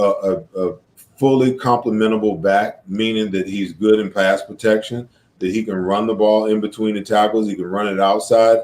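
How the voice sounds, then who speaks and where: Man, sports show host, lower voice, emphatic, argues plays in detail. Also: darkish tone, reverberant. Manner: emphatic, builds up frustrated. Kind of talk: casual sports analysis chat.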